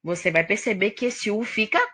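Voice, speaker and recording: A woman's voice: medium pitch, fairly quick, sharp tone, husky. A woman teacher with a Brazilian Portuguese accent, patiently explaining a grammar lesson straight to the student. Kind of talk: recorded classroom lesson.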